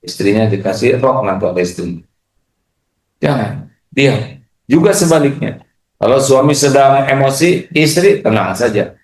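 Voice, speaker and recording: A man's voice: medium pitch, lively intonation, a little slow, long pauses. A man preaching a sermon to an audience, questioning them and acting out insults. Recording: echoey hall.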